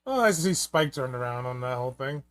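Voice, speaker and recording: A man's voice: medium pitch, expressive, fast talker, heavy background noise. A man giving casual, rambling and joking film commentary, with some swearing. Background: film soundtrack music.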